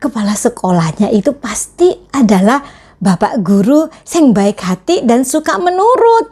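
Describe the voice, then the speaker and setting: Lively, high-voiced woman teaching children. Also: moderate pace, breathy edge. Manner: playful, teacherly, talks to children. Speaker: Sunday school teacher. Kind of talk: children's storytelling.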